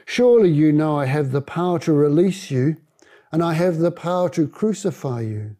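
A man's voice: a little high, expressive, normal speed, mellow. A man reading as a stern Roman governor. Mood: questioning.

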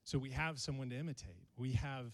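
A man's voice: medium pitch, steady tone, a little fast, long reverb tail. A male pastor, preaching a sermon to his congregation and joking with them. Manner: playful, jokes with the congregation.

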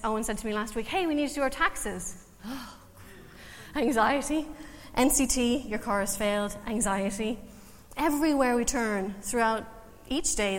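A woman's voice: fairly high pitch, fairly bright tone. A woman in her forties from Canada, with a Canadian accent touched by an Irish twang, giving a casual, self-deprecating church talk full of ums. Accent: Canadian with a slight Irish twang. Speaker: guest speaker at church, counselor. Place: church hall. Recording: echoey church hall with faint noise.

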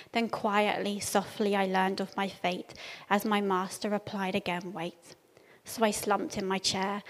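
A woman with a calm, gentle, earnest delivery, reciting devotional verse and prayer as a church speaker. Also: mid-range voice. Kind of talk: reciting a devotional poem and praying aloud. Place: large church room. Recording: long hall reverb.

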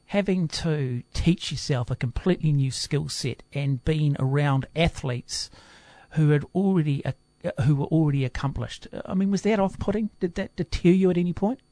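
A man hosting an interview, asking long, rambling questions in a relaxed conversational way. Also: a little high, normal speed, dry recording. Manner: wordy questions with fillers and restarts. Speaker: interviewer, host.

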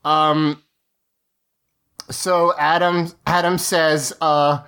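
A man co-hosting a podcast, recapping a show in casual, halting talk and often rewording mid-sentence. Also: on the high side, little pitch movement, sharp tone, clear, resonant tone. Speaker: podcast co-host. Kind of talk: casual chat recapping a TV episode.

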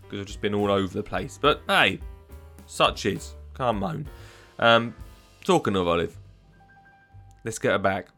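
A man's voice: lowish voice, fairly bright tone. A man hosting a gardening podcast, talking in an upbeat, chatty way with scattered ums. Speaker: podcast host, gardening educator. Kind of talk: casual podcast chat.

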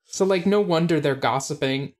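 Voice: medium pitch, moderate pace. A person in casual podcast chat, gushing enthusiastically about a film character with many fillers. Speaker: podcast co-host.

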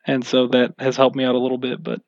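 A man's voice: medium pitch, completely flat delivery, quick pace, creaky, no room sound. Man, game master, casual interview, rambling, wry, self-mocking, dull lo-fi recording.

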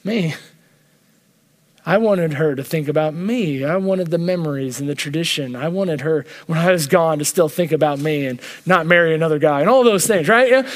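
A man's voice: a little high, normal speed. A man preaching at a church retreat, telling a personal story and acting out the voices he quotes.

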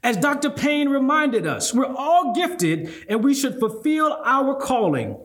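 High-pitched, animated man preaching. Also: a little slow. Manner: rhetorical questions and repeated refrains. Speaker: pastor. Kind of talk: sermon preached to an online congregation.

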